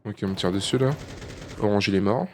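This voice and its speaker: Streaming a shooter game live, a man comments as he plays, swearing often and mocking himself. Low, calmer muttering gets broken by sudden high-pitched outbursts; he talks a little fast, with slight background noise.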